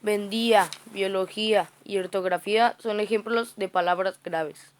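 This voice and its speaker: A woman's voice: medium pitch, steady tone, measured pace. A woman reading grammar study notes aloud, often stumbling and restarting words. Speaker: student reciting study notes.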